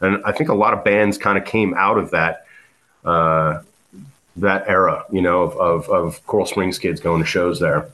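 A man's voice: low-pitched, fairly even intonation, moderate pace, pushed and bright. A man, a guest musician telling stories in a casual interview, rambling with many fillers and restarts. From South Florida.

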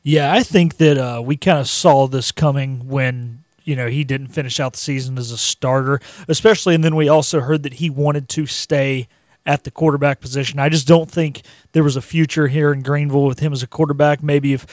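A man's voice: mid-range voice, fairly even intonation, fairly quick, dry recording, studio quality. A man co-hosting casual sports talk on the radio, conversational and chummy as he gives his opinions.

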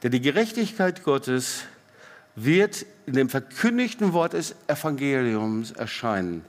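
A middle-aged man preaching a sermon, swinging between loud emphatic rises and soft quiet drops, often putting questions straight to the congregation. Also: medium pitch, very animated, unhurried. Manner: asks the congregation direct questions. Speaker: pastor. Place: church hall. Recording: long church hall reverb.

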